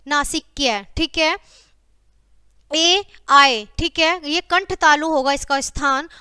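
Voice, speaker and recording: Bright high-voiced woman teacher. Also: dry recording, clean studio sound. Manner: repeats "ठीक है" and addresses "बच्चों" constantly; lists example words one by one. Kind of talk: classroom grammar lecture.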